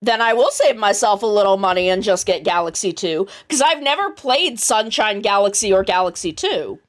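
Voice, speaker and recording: A woman's voice: mid-range voice, animated, normal speed. A woman streamer chatting casually on a live stream, rambling and thinking aloud, swearing now and then.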